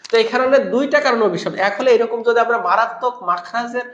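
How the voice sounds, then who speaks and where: Man, Quran recitation teacher, high bright voice, demonstrates sounds, asks and answers himself, echoey room. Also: fast talker, highs cut off. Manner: explains by demonstrating sounds, asks and answers his own questions. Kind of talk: lesson on Arabic letter pronunciation.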